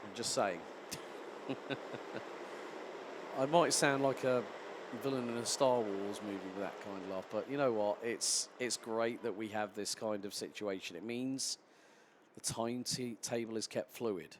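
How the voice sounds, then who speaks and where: A man commentating live on a kart race, turning excitable at incidents and chatty in between. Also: lowish voice, moderate pace, noisy background. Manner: excitable, rising sharply at incidents then settling into chatty explanation.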